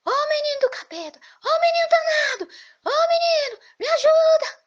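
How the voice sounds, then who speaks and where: A woman voicing a desperate village priest who shrieks for help in a very high, loud voice. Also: lively intonation, normal speed, muffled recording. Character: panicking village priest, man, desperate and shrill.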